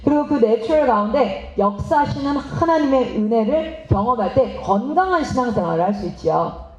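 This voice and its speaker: A woman missionary giving a lively seminar talk, asking the audience questions and acting out parents and children. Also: a little high, fairly quick. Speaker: missionary speaking at a teachers' seminar. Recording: roomy, slightly dull hall recording.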